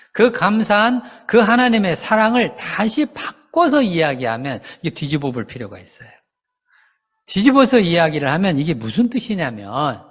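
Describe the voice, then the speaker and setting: A man preaching as a pastor, talking in a conversational way with rhetorical questions and briefly acting out quoted people. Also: on the high side. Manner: animated, acts out quoted parents and children. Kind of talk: sermon. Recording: long hall reverb.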